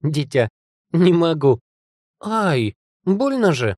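A man doing a cheeky, mocking tree spirit, high-pitched. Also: big pitch swings, brisk, a little mellow, no room sound, studio quality. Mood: laughing. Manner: mocking, giggly.

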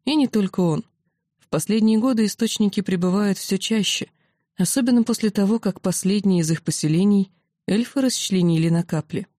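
A woman voicing a calm male dragon commander who explains things patiently, in a storybook reading. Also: medium pitch, fairly quick, no echo, studio quality, lightly acted. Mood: sad, earnest.

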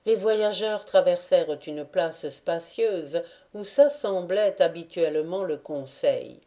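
A woman narrating a classic novel as an audiobook in a measured, deliberate reading. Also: fairly low pitch, warm tone.

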